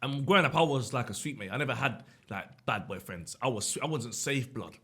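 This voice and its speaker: Brief: joking young man, animated pitch, casual podcast chat. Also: slightly rough. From Islington, London. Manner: boastful, joking, quick to laugh. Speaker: podcast guest, comedian. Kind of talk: casual banter.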